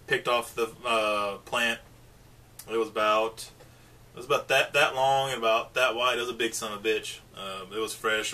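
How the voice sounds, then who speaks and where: A man's voice: lowish voice, sharp tone. A young man giving casual, sweary reaction commentary as a video host. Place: small bedroom indoors. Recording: distant mic, faint noise.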